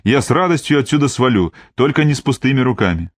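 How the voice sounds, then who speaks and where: Male narrator doing a young woman, defiant and snappish, for an audiobook; dry close read, ordinary pitch. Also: animated, quick pace, dry recording, natural voice. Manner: snappish, scornful retorts. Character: sharp-tongued young woman, defiant and guarded.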